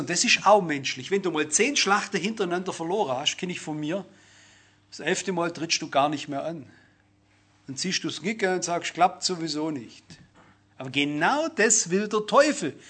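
A man preaches, speaking earnestly and turning to his listeners with questions. His voice sits high and sounds a little husky. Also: pushed and bright. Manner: earnest, addresses listeners directly with rhetorical questions. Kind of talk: sermon.

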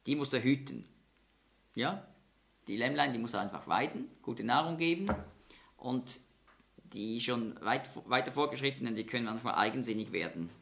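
A man gives a Bible-teaching sermon in a bright, clear-toned voice. He explains patiently and slows down to lean on each quoted line. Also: mid-range voice, lively intonation. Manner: explanatory, measured, with slow emphatic quotes. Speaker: preacher.

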